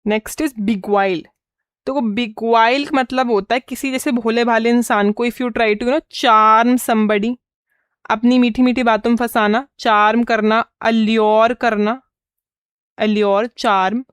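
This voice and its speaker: Indian woman teacher going over vocab words, bit high voice, dry close sound. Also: fairly even intonation, slow, clean tone, no room sound. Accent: Indian English. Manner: explains in mixed Hindi and English, repeating key words. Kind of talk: exam-prep lesson.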